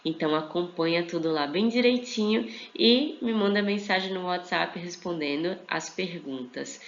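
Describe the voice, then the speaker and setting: A woman teaching English in a casual online lesson. She talks from home at night, explains slowly, repeats example phrases and checks in often with her students. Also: on the low side. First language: Portuguese. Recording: dull lo-fi sound with faint hiss.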